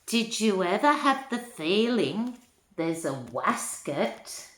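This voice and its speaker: A grandmother with a medium-pitched, sing-song voice reads a rhyming children's storybook in an echoey room. She reads in an unhurried lilt and turns to chat with her young listeners now and then.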